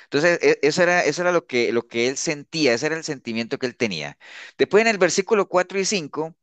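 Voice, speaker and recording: A man's voice: fairly high pitch, expressive, fast, fairly bright tone, no echo. A man leading a Bible study class in a conversational way, often checking in with the group and restarting his sentences as he thinks aloud. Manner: conversational, constant tag questions to the group; restarts and repeats words while thinking aloud. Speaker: discipleship teacher.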